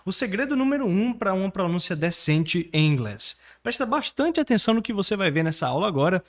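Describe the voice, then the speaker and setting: A man from Brazil with a high voice that swings up and down as he teaches English. He talks energetically and persuasively, coaxing the viewer to repeat words after him. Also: sing-song, brisk. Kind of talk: online English lesson and course pitch.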